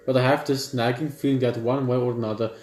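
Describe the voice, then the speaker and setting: A gaming video host with a mellow, steady mid-range voice talks fast as he reads game text aloud in a let's play, tossing in casual asides and stumbling over the odd word. The room is echoey, with game music playing behind him.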